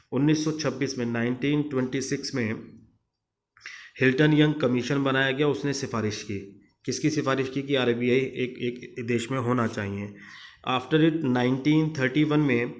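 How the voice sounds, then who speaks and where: In this classroom lecture, a man with a mid-range voice teaches commerce, speaking Hindi sprinkled with English terms. He repeats dates and answers questions he poses himself, and the room sounds echoey.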